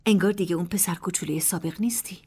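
A woman playing a breathy, cool young general. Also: fairly low pitch, warm tone.

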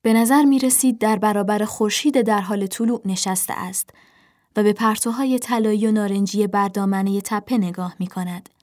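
Soft-spoken woman reading a storybook. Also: mid-range voice, steady tone. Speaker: narrator. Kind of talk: storybook narration.

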